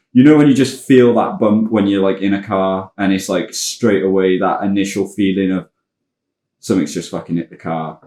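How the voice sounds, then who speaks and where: Low-voiced sweary man in an echoey room. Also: a little mellow. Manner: sweary, laid-back storytelling. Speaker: band member. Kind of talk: casual podcast chat.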